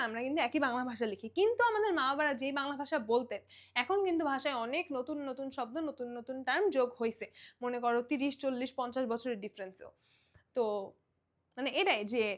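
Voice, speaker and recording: A young woman from Bangladesh teaching an exam-prep lesson, explaining in a conversational way, often checking in with her students and mixing in English words. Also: sits high.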